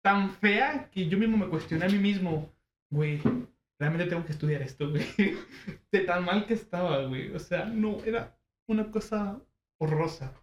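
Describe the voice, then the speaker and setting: A young man with a Mexican Spanish accent telling a school story in casual chat, joking and animated, with lots of slang. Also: high voice, normal speed, lo-fi sound. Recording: echoey room, faint background hum.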